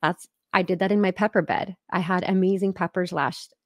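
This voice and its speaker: Chatty woman podcast host, low and dry. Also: fairly even intonation, brisk, no echo. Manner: chatty and rambling, many fillers. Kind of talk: casual chat. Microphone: video call.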